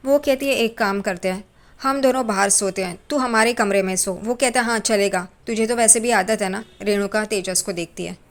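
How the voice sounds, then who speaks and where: A woman's voice: mid-range voice, normal speed. A woman narrating a recap of a TV serial, retelling each scene and speaking the characters' lines in her own voice. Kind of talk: storytelling recap with quoted dialogue.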